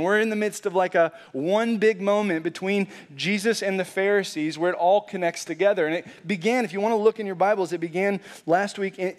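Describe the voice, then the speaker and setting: A pastor preaching a sermon in a conversational, animated way, often saying "like" and restarting phrases. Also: male voice, high-pitched. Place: church sanctuary.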